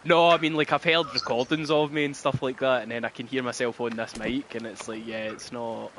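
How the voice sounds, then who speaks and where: A man's voice: mid-range voice, level tone, brisk, fairly bright tone. Rambling man on a headset. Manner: rambling, with constant "you know what I mean". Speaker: gamer chatting during play. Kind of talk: casual chat. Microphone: gaming headset. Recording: noisy headset chat recording.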